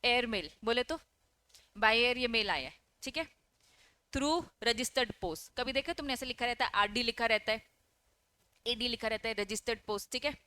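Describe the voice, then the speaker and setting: This female teacher sounds high, pushed, bright and clean, with lively intonation at a moderate pace. Delivering an online exam-prep lecture, she reads English lines from the text and explains them, constantly questioning her students, answering for them, and checking in with "okay?".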